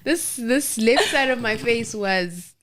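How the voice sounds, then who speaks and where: A woman's voice: fairly high pitch, animated, takes it slowly, fairly bright tone. Young woman from Zimbabwe. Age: 20s. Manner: chatty storytelling with fillers and restarts. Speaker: guest, audiologist. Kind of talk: casual interview chat.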